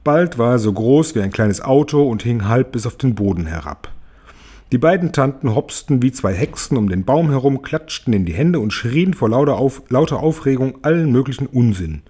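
A man reading a children's story aloud as audiobook narrator, in an expressive storytelling manner. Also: mid-range voice, normal speed, husky.

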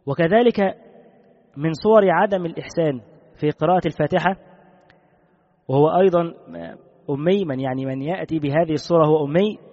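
Man giving a text lesson on religious law, fairly high voice, dull sound with a long echo. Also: a little mellow. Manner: measured, repeats key rulings. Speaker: Islamic law teacher. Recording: dull recording with long reverb.

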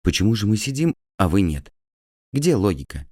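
A man voicing an agitated male asylum patient who shouts bitter accusations. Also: on the low side, big pitch swings, normal speed, no echo, studio quality, voice pushed up. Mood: indignant.

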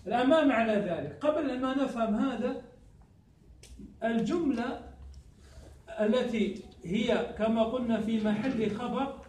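During a classroom grammar lesson, a man keeps stopping to pose prompt questions the students call out answers to. His very high-pitched, darkish voice moves at a measured pace with frequent pauses, heard through a distant mic in an echoey room.

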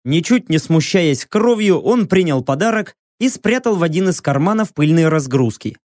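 A man's voice: on the high side, animated, normal speed, darkish tone, dry recording, studio quality. A man narrating a fantasy novel audiobook with an intense, rousing delivery. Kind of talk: dramatic audiobook reading.

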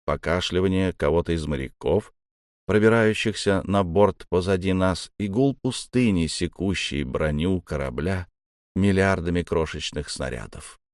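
Casting: man with a low voice narrating a dark audiobook, measured, dry studio sound. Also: no echo. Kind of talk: first-person audiobook narration.

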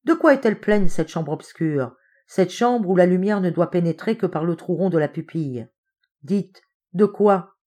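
A woman doing an excitable triumphant young man. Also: high-pitched. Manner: eager, insistent and rhetorical. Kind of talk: audiobook character reading.

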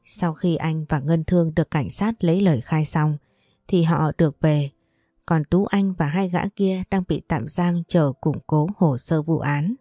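Warm-voiced woman narrating a story. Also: deep voice, no room sound, clean studio sound.

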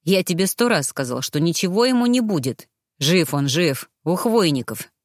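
A woman's voice: on the low side, lively intonation, moderate pace, dry recording, clean studio sound. A woman voicing an irritable young male mage in an audiobook, grumbling and dismissive. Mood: irritated. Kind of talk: audiobook character voice.

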